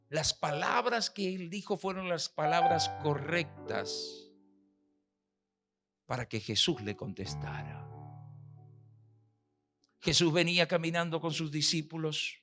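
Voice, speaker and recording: A male pastor delivering a sermon, preaching emphatically with rhetorical questions and pauses. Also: fairly high pitch. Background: piano and keyboard music.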